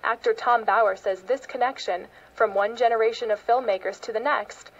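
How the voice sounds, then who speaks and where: A woman's voice: fairly high pitch, steady tone, moderate pace, creaky, dull audio. An American woman reading a scripted news feature as a public radio host and reporter.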